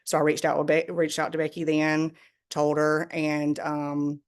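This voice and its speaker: Woman, middle-aged, Georgia drawl. Low register, narrow melody, halting conversational testimony. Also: monotone. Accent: Southern US, Georgia drawl. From small town in northeast Georgia, USA. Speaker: guest, direct sales team member. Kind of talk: personal testimony on a group call.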